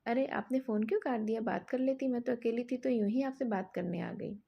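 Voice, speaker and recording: A woman's voice: on the high side, a little fast, gravelly, slightly rough, muffled recording. A woman voicing a timid young bride. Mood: meek. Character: young newlywed wife, timid and gentle.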